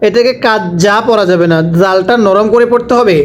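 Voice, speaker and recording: A man teaching Quran reading, spelling out letters and vowel marks and then slowly drawing out each joined word for his students to repeat. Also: sits high, slight background noise, poor audio. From Bangladesh. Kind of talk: slow call-and-repeat recitation lesson.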